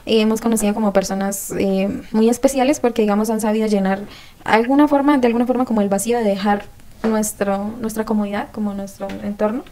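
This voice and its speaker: A woman's voice: mid-range voice, steady tone, fast talker, mellow. A young woman from Colombia with a Colombian accent, chatting casually as an exchange-student guest in an interview. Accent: Colombian, not paisa. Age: young adult.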